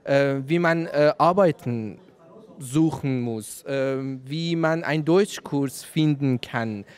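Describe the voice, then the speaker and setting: A man, answering interview questions in halting speech with many fillers, into a handheld mic at an indoor event. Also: mid-range voice, darkish tone, clean tone. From Iran. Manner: hesitant, many fillers, searching for German words. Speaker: radio volunteer interviewee. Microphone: handheld reporter mic.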